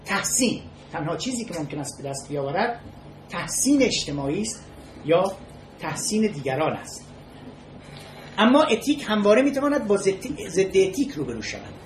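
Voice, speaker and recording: Lecturer, halting and repetitive delivery, mid pitch, echoey room. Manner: measured and halting, restating key words and pausing between phrases. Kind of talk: spoken lecture on ethics with storytelling. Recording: echoey room with faint noise.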